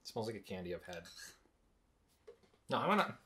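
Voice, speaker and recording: A young woman talks with a drink can held at her lips, her words a little blocked by it. Her voice is bright and sharp, and her pitch jumps wildly up and down. She is blunt and swears freely in a casual chat in a small indoor room. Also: sing-song, fairly quick. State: speaking with can at mouth. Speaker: vlogger. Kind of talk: casual taste-test chat.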